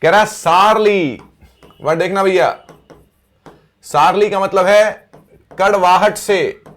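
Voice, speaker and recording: A man teaching English vocabulary, repeating each word slowly as he writes it out. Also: high-pitched, a bit bright. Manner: slow, repeats words while writing on board. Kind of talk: vocabulary lesson.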